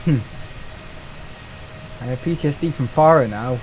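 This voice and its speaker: A man's voice: mid-range voice, moderate pace, a little mellow, a little hiss or hum. A young man streaming live, chatting casually with viewers, joking and swearing now and then.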